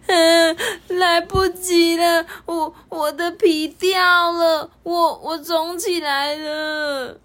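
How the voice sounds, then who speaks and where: A timid little rice grain from a storybook, played by a woman, stammers in a very high, loud voice. His words come slow and drawn out. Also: animated. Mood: crying.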